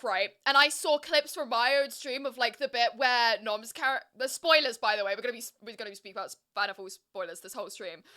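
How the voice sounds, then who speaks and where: Bright high-voiced young woman streamer. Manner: emotional, gushing, reads chat aloud. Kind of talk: casual live-stream chat. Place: home streaming setup with music playing.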